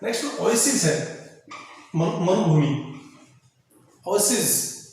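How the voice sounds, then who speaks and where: A man's voice: high-pitched, sing-song, takes it slowly, a little mellow. A male teacher explaining a grammar lesson, often repeating himself and spelling words out letter by letter. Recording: very echoey room with faint ambient noise.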